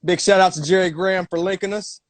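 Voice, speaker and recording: A man's voice: high voice, steady tone, fast talker, no room sound. A man hosting a casual interview on a live video call, asking laid-back questions padded with fillers. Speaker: interview host.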